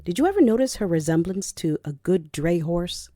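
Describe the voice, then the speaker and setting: A woman's voice: on the low side, lively intonation, moderate pace, mellow, dry recording, clean studio sound, close to an everyday voice. A woman reading the part of a wry, teasing young male soldier.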